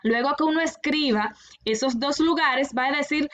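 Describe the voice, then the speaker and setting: A woman teacher explaining a lesson to children in a recorded class, patient and repeating each instruction clearly. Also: high-pitched, moderate pace, a bit bright. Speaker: primary school teacher.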